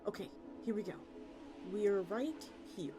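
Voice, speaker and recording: A VTuber streamer reads a story aloud with acted dialogue and chats casually with viewers, her mid-range voice animated and measured in pace. Music plays behind her voice.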